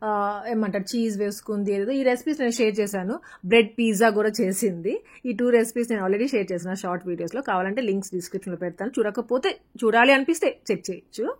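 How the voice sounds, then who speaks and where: A woman's voice: mid-range voice, fast talker. A woman vlogger with a Rayalaseema Telugu accent, narrating her family's day in a chatty, casual way with English words mixed in. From Rayalaseema, Andhra Pradesh.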